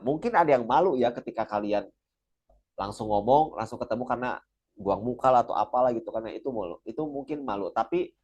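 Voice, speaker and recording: Young guy running a public speaking seminar, lively, repeats himself a lot, middle pitch. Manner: energetic, repeats key points, frequent religious phrases.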